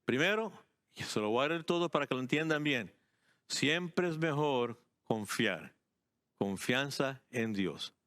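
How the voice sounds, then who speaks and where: A man preaching a sermon as pastor, emphatic, repeating key phrases and moving between slow, deliberate words and quick bursts. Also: medium pitch, a bit bright, no room sound, studio quality.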